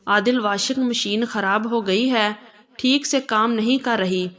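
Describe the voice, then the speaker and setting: A shy young bride from a storybook, soft-spoken and hesitant. Her voice sits fairly high, read by a woman narrator. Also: close to an everyday voice. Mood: timid.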